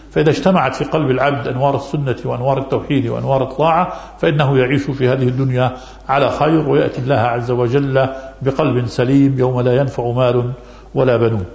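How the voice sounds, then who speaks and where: An Islamic scholar with a medium-pitched, gravelly, darkish voice takes religious questions in a lesson, repeating key phrases for emphasis. The recording sounds echoey, dull, and lo-fi.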